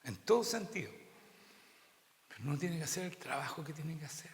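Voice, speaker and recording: A man's voice: a little high, expressive, a little fast, a little hiss or hum. A middle-aged man with a Chilean accent preaching a sermon as pastor, often asking the congregation rhetorical questions. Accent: Chilean Spanish. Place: church. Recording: roomy church hall reverb.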